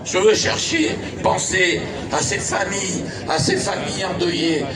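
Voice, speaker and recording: A man giving an impassioned, indignant shouted speech at an outdoor rally. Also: high voice, measured pace, over loud music. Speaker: rally speaker. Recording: distant, echoey, crowd behind.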